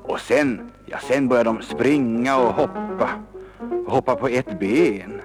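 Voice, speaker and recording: A man reading a children's story aloud, lively and expressive, sometimes dropping to a whisper. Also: medium pitch. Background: instrumental music.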